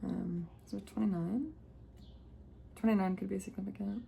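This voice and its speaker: A woman's voice: medium pitch, moderate pace, gravelly, warm tone, a little hiss or hum. A woman giving a casual spiritual card reading, rambling and breaking off mid-sentence, often laughing to herself. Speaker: tarot reader.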